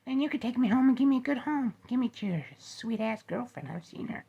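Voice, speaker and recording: A man's voice: lively intonation, fairly quick, creaky, warm tone, slightly rough, muffled recording, full character voice. A man voicing a small, cocky, crude male teddy bear in an old-time radio style comedy. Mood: lewd, cocky. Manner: boastful, lewd, squealing high.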